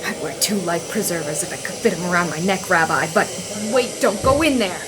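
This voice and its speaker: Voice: mid-range voice, expressive, fairly quick, close to an everyday voice. An actor playing a fussy, worried army sergeant with a folksy, complaining way of talking in an audio drama. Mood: grumbling, anxious. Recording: clear hissing noise behind.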